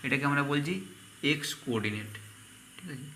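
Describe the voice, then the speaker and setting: A man's voice: medium pitch, a little fast, bright, forceful tone, a little hiss or hum. A man teaching a math lesson, asking questions and answering them himself.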